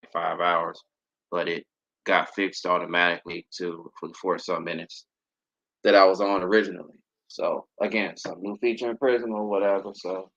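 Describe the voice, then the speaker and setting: Casting: deep-voiced man in his thirties, bright forceful delivery, rambling livestream host with lo-fi sound. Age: 30s. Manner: rambling, many fillers and restarts. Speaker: aviation channel host. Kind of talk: casual livestream talk. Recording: dull lo-fi stream audio.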